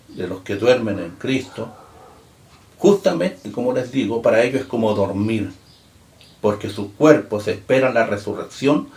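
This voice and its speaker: A man preaching a sermon as pastor. He reads scripture aloud with emphasis, slowing down and lifting his voice on key words. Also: lowish voice, a little mellow. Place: church. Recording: echoey room.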